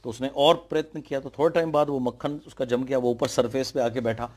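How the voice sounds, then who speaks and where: A man's voice: medium pitch, fairly even intonation, brisk, a little mellow. A man telling a fable as a motivational speaker, emphatic, mixing English phrases into his talk. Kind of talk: motivational storytelling.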